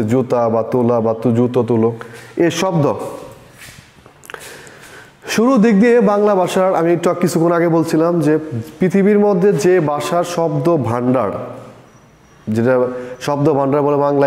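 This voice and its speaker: A man's voice: medium pitch, dark tone. A male teacher, giving an explanatory classroom lecture. He repeats his points and asks the class rhetorical questions. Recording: echoey room with long reverb.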